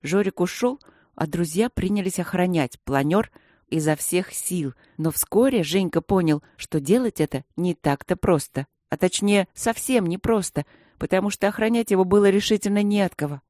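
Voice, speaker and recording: A woman's voice: fairly low pitch, moderate pace, dark tone, no echo, studio quality. Woman narrating a children's story. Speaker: audiobook narrator.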